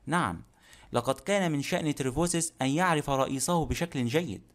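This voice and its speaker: A male reader plays a courteous, shrewd detective who asks questions gently and calmly. The voice drops a little lower and quieter than the narration. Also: fast, lightly acted. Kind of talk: audiobook character reading.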